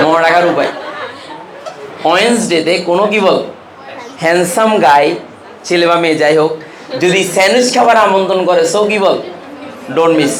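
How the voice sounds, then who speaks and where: A man with a Chittagong Bengali accent teaches chemistry in a fairly high voice. He keeps quizzing the class and repeating memory tricks. His voice echoes around the room over a faint hiss. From Bangladesh. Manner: drills students with call-and-response questions and mnemonics. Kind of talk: classroom lecture.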